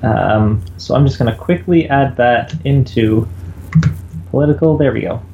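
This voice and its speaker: A man's voice: medium pitch, normal speed, gravelly, roomy sound. Man, bad call connection, lo-fi muffled sound, faint background noise, earnest casual chat. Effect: bad call connection, dull lo-fi audio. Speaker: podcast co-host. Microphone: video call.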